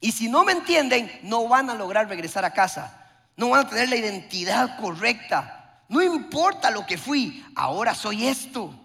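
A man's voice: extremely high pitch, very animated, normal speed, gravelly, pushed and bright. A man preaching a sermon with passion, acting out short dialogues. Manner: impassioned preaching with acted-out dialogues. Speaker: pastor. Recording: long hall reverb.

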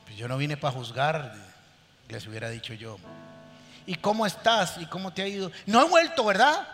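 High-voiced man preaching in a hall. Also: moderate pace, faint music behind. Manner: animated preaching, acts out people in stories. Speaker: pastor. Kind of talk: sermon.

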